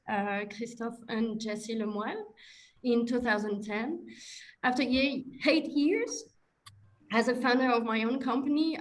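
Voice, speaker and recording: A woman's voice: fairly high pitch, poor audio. French-accented woman presenting on a call. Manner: careful, halting, stops to check slides. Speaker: landscape architect presenting a project. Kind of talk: webinar presentation.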